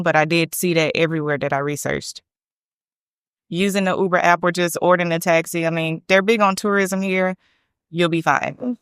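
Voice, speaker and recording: Low, smooth-voiced woman chatting travel tips. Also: no room sound, studio quality. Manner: chatty, repeats points for emphasis. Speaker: travel vlogger. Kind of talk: casual travel vlog. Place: hotel room.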